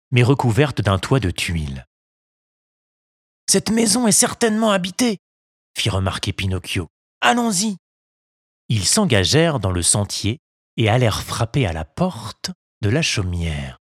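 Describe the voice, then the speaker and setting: A reader narrating a storybook in a calm, measured and expressive way. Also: medium pitch, no room sound, studio quality.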